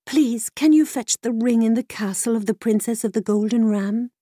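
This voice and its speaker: A woman's voice: on the high side, normal speed, dark tone, breathy edge, no room sound, studio quality. A woman voicing a desperate young stable boy in a fairy tale, speaking in a pleading way.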